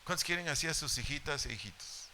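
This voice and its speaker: Middle-aged man, Mexican Spanish accent, pastor's sermon, very bright sharp voice, faint hiss. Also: fairly high pitch, lively intonation, fast talker. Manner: repeats key phrases and Bible references for emphasis. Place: church hall.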